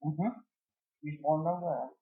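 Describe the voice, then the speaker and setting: An elderly woman with an Appalachian accent reminiscing casually about family history, in a folksy, halting way. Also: deep voice. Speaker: interviewee recalling family history. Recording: dull lo-fi home recording.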